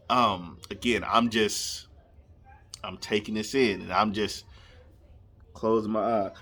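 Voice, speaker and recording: Animated man telling a funny story. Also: medium pitch. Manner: animated, laughing, acts out scenes. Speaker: storyteller vlogger. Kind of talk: casual comedic storytelling.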